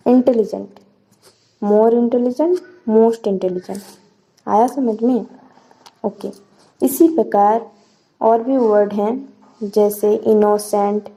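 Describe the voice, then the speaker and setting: A woman's voice: medium pitch, mellow, poor audio. A woman with an Indian accent teaching a grammar lesson, spelling out words letter by letter.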